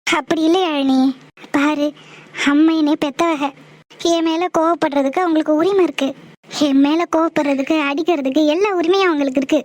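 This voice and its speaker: A woman's voice: sits high, fairly even intonation, fairly quick, a little mellow, dry recording, natural voice. A woman voicing a young married woman and caring elder sister. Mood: soothing.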